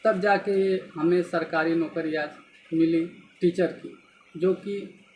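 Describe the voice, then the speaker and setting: A man voicing a grieving, firm woman teacher in a spoken folk story, in a high, slow voice. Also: steady tone, slight background noise, rough recording. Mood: sorrowful, earnest. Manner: pleading, tearful storytelling voice.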